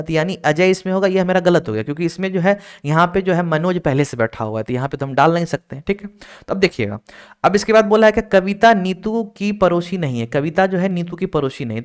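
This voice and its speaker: A man with a fairly high, smooth and clear voice teaches a recorded reasoning class for exam aspirants. He works through each step and keeps checking that students are following. He urges them to solve the problems quickly. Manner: explains step by step, keeps checking with "ठीक है?" and urging students to hurry. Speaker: online exam-prep teacher.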